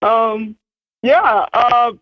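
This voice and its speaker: A woman in her early twenties, a guest filmmaker chatting casually in an interview, bubbly and full of "like" fillers, her voice a bit hoarse. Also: fairly high pitch, lo-fi sound. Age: early 20s. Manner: bubbly, talks in quick bursts with many "like" fillers. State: slightly hoarse from losing her voice.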